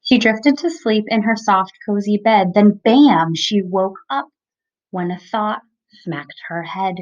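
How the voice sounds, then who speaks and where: A woman reading a children's picture book aloud, with expressive, emphatic phrasing for young listeners. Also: medium pitch, slow pace. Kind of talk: children's storybook read-aloud. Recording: dull lo-fi recording.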